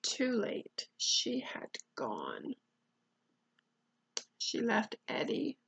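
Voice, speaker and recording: Brief: gentle female storyteller, interactive picture-book reading, high and very slow. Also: creaky, a little hiss or hum, low-quality recording. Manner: gentle, questioning, drops to whispers.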